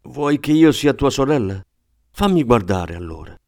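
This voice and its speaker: A man's voice: medium pitch, big pitch swings, moderate pace, a little mellow, no echo, studio quality, pitched above the performer's own voice. A man reading an audiobook, voicing a domineering older sister with a raised, commanding voice. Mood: bossy.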